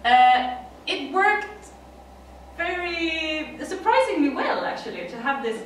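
A high, animated female voice takes things slowly, with a little hiss or hum behind it. The speaker is a middle-aged Swedish woman presenting at a conference in English with a Swedish accent, chatty, laughing often and using fillers. She's recorded from far off in a dim conference room, and the room echoes.

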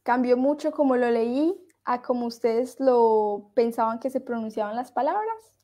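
A woman teaching French in Spanish, slowly repeating words aloud to drill pronunciation. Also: fairly high pitch, lively intonation, dark tone. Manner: switches between French and Spanish explanations. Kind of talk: online language lesson.

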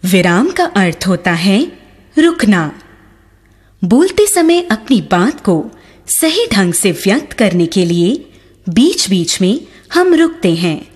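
A woman reading a school grammar lesson for children in a slow, deliberate, dictation-like way. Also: mid-range voice, sing-song, a little mellow, slightly rough. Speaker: teacher. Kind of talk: slow scripted lesson narration.

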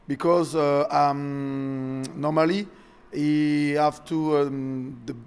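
Gravelly French man in hesitant English. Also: a little high, little pitch movement, very slow, darkish tone. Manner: hesitant, broken English, searching for words. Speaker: coach translating for fighter. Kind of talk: interview. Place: indoor event backdrop interview area. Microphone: shared handheld interview microphone. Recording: noisy event room ambience.

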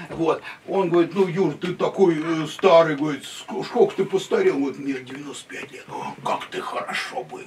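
A man's voice: a little high, creaky, distant mic, a little hiss or hum. Chatty older man giving a home-museum tour. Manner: lively, chatty, gesturing at photos. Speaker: private museum owner and guide. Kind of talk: casual guided tour. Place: small room of a home museum full of pictures. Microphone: handheld camera following him.

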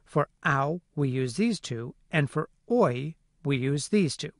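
A man narrating a phonetics lesson in a clear, methodical way. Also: a little high, animated, slow pace, no echo, studio quality. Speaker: phonetics instructor. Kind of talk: scripted lecture narration.

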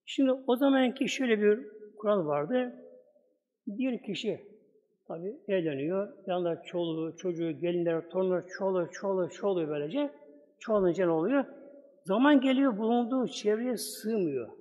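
A man's voice: high-pitched, normal speed, a little mellow, long reverb tail, lo-fi sound. A man preaching a storytelling sermon with Quran commentary, acting out the dialogue of the story as he tells it. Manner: acts out dialogue of the story in quotes.

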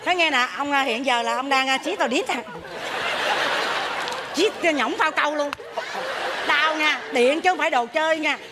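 A woman playing a mother in a live stage comedy sketch, loud and animated, often complaining. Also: high voice, moderate pace, long pauses, heavy background noise. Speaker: comic actress playing a mother.

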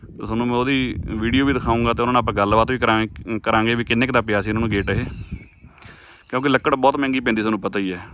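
A man's voice: medium pitch, fairly even intonation, racing, fairly bright tone. A young man with a Punjabi accent, chatting casually to viewers as he walks through his village fields, recorded outdoors in the wind on a handheld phone. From Punjab, India. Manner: chatty, addresses viewers as friends. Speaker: village vlogger. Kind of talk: casual vlog narration while walking.

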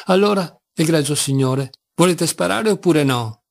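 An indignant young officer snaps his replies across a dueling ground, voiced by a male reader. The voice is gravelly and curt, sitting a little higher than the narration. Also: normal speed. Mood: irritated. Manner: curt, irritated.

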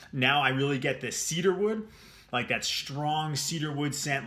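A man's voice: medium pitch, bright, forceful tone. A young man from New Jersey in a small room at home, giving a rambling, enthusiastic casual review of a fragrance straight to camera. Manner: enthusiastic, rambling, repeats words.

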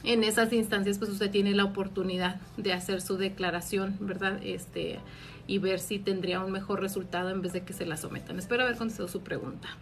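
A tax advisor from Mexico answers viewer questions on a live stream in a friendly, explanatory manner with lots of filler words. Her mid-range voice is fairly quick with fairly even intonation, and soft music plays in the background. She's filmed in a small office by a phone camera held at arm's length.

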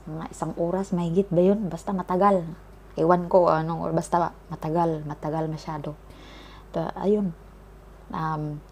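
A fairly low-pitched woman tells a childhood story in a chatty, casual vlog and keeps calling her viewers guys. She is outdoors by the sea, with a faint hum of open air behind her. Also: darkish tone. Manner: chatty, addresses viewers as guys, many fillers. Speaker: vlogger. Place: outdoors by the seaside.

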